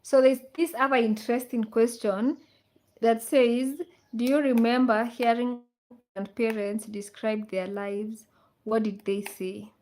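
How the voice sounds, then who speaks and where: A woman's voice: a little high, steady tone, measured pace, darkish tone, slight background noise. A woman from Kenya hosting a casual livestream, reading out viewer comments and repeating her questions to the audience. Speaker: livestream host. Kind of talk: casual live chat with viewers.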